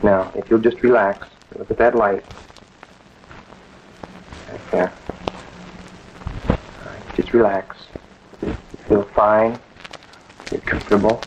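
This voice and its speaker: An actor playing a calm hypnotist who talks someone into sleep with slow, repeated commands, in an old film. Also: male voice, fairly low pitch, a little hiss or hum. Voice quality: slow, soothing, repetitive commands. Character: calm male hypnotist putting a woman under. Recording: dull old film soundtrack with music.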